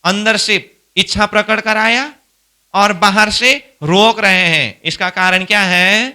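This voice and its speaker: A man with a high, very bright and sharp voice leads a devotional scripture class at an unhurried pace. He explains each verse by asking questions and then answering them himself, his tone smooth and crisp throughout. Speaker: spiritual instructor.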